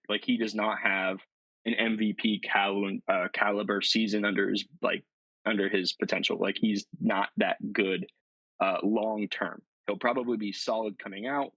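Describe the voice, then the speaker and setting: A man's voice: on the low side, fairly bright tone, breathy edge, no echo, poor audio. A man co-hosting a sports podcast, talking at length and arguing his opinions. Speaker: podcast co-host. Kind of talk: casual sports chat.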